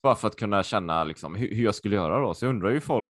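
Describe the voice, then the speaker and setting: A man co-hosting a podcast over a video call, excitable and chatty, repeating himself with lots of fillers. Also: fairly low pitch. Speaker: podcast co-host.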